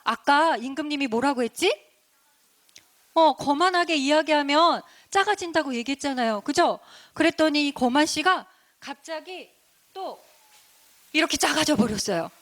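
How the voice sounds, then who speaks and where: High-voiced woman telling children a story. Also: normal speed. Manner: animated, asking the children questions. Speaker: deacon.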